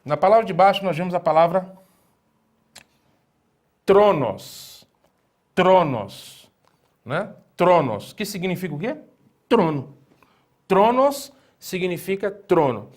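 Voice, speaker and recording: A man's voice: high voice, expressive. Patient man teaching a language lesson. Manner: patient, explanatory, asks rhetorical questions, repeats words slowly. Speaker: Greek teacher.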